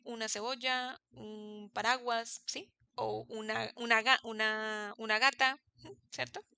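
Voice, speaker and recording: A woman's voice: a little high, sharp tone, dry recording. A young woman teaching an English grammar class, patiently checking that her students follow. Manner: patient, checks understanding with frequent "¿sí?". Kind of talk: recorded online class.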